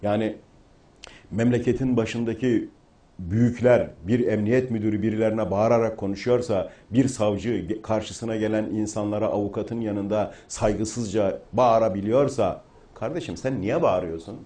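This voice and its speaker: A middle-aged man in a talk show discussion who builds from calm reflection to forceful, rousing speech. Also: fairly low pitch, normal speed. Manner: rising to forceful oratory.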